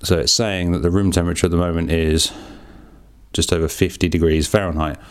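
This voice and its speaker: A man's voice: low voice, fairly even intonation, brisk, smooth. A man hosting a podcast, rambling in a chatty, self-deprecating way with casual swearing as he talks through hands-on work in a small echoey darkroom. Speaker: podcast host.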